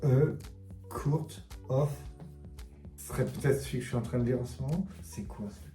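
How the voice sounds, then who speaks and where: A man with a very dark, mellow voice hosts a relaxed book vlog, puzzling things out aloud and letting his words fade away quietly. His voice rings in a roomy space, with faint music underneath. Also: medium pitch, moderate pace. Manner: thinks aloud, trailing off softly. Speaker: book vlogger. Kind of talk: casual book quiz vlog.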